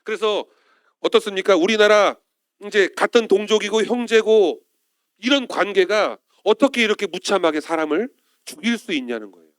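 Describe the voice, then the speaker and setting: A man's voice: high voice, animated, moderate pace, smooth, no room sound, studio quality. A male pastor preaching a Sunday sermon in church, often turning to the congregation with questions.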